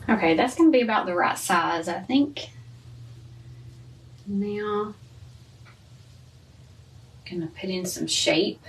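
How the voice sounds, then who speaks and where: A woman's voice: mid-range voice, lively intonation, takes it slowly, long pauses. A woman teaching a live painting lesson, chatting and thinking aloud as she paints. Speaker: art teacher. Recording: from a distance, faint room noise.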